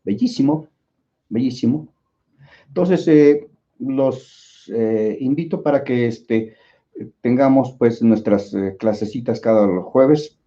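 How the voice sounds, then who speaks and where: Dark-voiced Mexican man teaching a class. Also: mid-range voice, slow, highs cut off. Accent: Mexican Spanish. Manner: rambling, many fillers and restarts. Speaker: Nahuatl language teacher. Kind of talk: informal online class.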